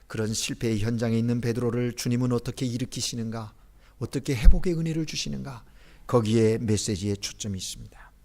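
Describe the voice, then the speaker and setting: A middle-aged male pastor delivers a Sunday sermon from the pulpit. He poses questions to the congregation and lets his voice rise to loud emphasis, then drop to near whispers. His pitch sits in an ordinary middle range. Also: brisk, vocal fry. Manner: dramatic swings from loud emphasis to hushed whispers. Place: church sanctuary during Sunday service.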